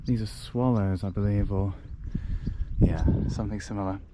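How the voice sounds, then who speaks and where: A man's voice: on the low side, fairly even intonation, moderate pace, heavy background noise. A young man filming a hiking vlog outdoors on a handheld camera, chatty and self-mocking, rambling through restarts. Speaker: hiking vlogger. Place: outdoors on a wooded fellside. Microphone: handheld action camera.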